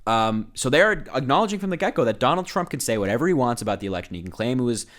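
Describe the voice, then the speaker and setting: A young man co-hosting a casual podcast, explaining slowly with filler pauses and hiccuping now and then. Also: mid-range voice, big pitch swings, a bit bright. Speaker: podcast co-host. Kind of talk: casual podcast chat, reading from a legal document.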